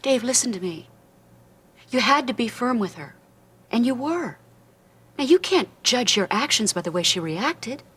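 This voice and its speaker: Calm wise friend, husky voice, earnest. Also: female voice, on the high side, normal speed, pauses often. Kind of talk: soap opera acting.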